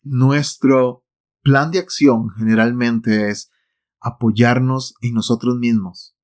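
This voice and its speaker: A man's voice: mid-range voice, fairly even intonation, takes it slowly, a little mellow. A man giving a devotional talk to the listener, emphatic and repeating his key phrases. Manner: speaks directly to the listener.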